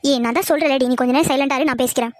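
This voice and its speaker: High, rapid woman voicing a cartoon family. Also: fairly even intonation, no echo. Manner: rapid, scolding family argument. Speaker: voice artist for a mother and daughters. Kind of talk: cartoon dialogue.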